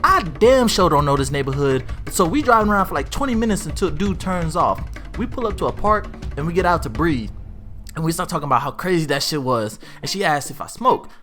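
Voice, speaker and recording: A man telling a funny online story aloud in a casual, animated way, getting higher and louder at the wild parts. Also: fast talker. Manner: lively, swings from low to high and loud when excited. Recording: faint music behind.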